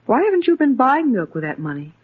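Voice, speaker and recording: Brief: an earnest stepmother, pleading, lively pitch, 1940s radio acting, phone-thin recording. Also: fast talker, slightly rough, heavily acted. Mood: stern. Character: stepmother, anxious and earnest adult woman. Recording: tinny old radio recording.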